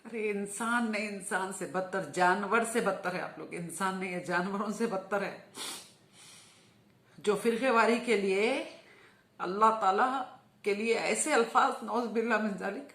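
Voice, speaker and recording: A woman's voice: mid-range voice, measured pace, a bit bright. Fervent woman, roomy echo. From Hyderabad, India. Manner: fervent, emphatic, repeats words for emphasis. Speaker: religious speaker. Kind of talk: impassioned video appeal.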